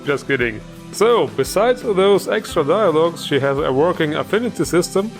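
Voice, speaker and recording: A man's voice: high voice, expressive, normal speed, faint music behind. A man hosting a game mod showcase, upbeat and joking, with plenty of enthusiasm. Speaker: host.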